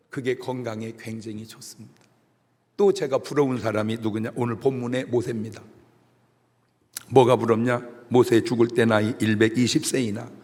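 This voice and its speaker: A middle-aged man pastor giving a humorous sermon, telling stories and acting out shouted voices. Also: medium pitch, breathy edge. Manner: animated storytelling with jokes and shouted imitations. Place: church sanctuary. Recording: long reverb of a church hall.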